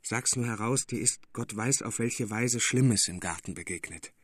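A man's voice: fairly low pitch, moderate pace, dry recording, studio quality, close to an everyday voice. A man doing a blunt skeptical old friend. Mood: urging.

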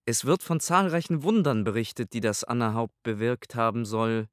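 A man voicing an irritable, imperious old pope in an audiobook, speaking pompously and forcefully. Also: mid-range voice, normal speed, no room sound, studio quality, lightly acted. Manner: pompous, raised and forceful delivery. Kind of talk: audiobook character voice.

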